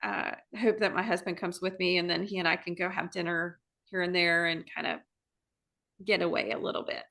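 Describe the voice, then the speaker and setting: A middle-aged woman from Maryland joins a podcast as a guest. Her voice is bright and forward, and she talks in a friendly, unhurried way, often pausing on fillers. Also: lowish voice, gravelly. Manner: friendly, relaxed, many fillers and restarts. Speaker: guest real estate agent. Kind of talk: casual conversational interview.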